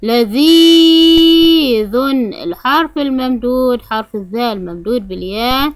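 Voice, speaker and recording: A woman teaching a reading lesson for young children, sounding out syllables slowly and deliberately. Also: on the high side, a bit bright, dry recording. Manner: slow, drawn-out syllables for children to repeat. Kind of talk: early-grade reading lesson.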